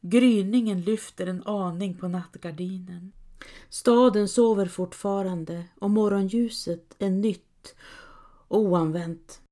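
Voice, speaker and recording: A woman calmly reading a scripted historical story as its narrator. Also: mid-range voice. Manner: calm, measured reading.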